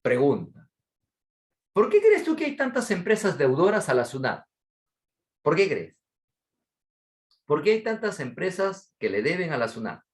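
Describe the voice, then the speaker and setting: A man's voice: a little high, a little slow, pauses often. A man, giving a class lecture as a teacher, telling anecdotes and asking rhetorical questions. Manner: animated storyteller, rhetorical questions.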